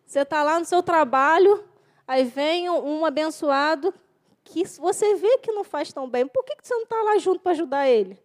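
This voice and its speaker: A woman's voice: sits high, lively intonation, normal speed. A woman youth leader giving an informal sermon, repeating key phrases and acting out quoted voices.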